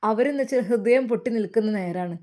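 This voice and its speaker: A woman voicing a kind male doctor who speaks in a measured, reasoning way. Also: on the high side, dark tone, close to an everyday voice. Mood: lecturing.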